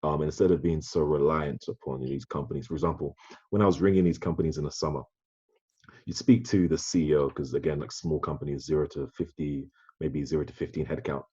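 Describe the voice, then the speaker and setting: Deep husky guy hosting a podcast, thinks out loud, keeps restarting, dull lo-fi audio. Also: fairly even intonation, fast. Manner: thoughtful, with frequent restarts. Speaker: podcast host. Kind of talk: conversational podcast discussion.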